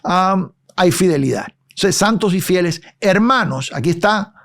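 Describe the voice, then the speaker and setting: Guy teaching bible verse by verse, voice a bit on the high side, keeps asking if you follow. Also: lively intonation, unhurried, gravelly, fairly bright tone. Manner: conversational, checks in with listeners. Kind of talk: expository Bible study.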